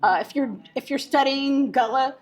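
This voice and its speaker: A woman giving an informal guided tour, explaining things in a halting way with frequent pauses mid-phrase. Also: high voice. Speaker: museum guide.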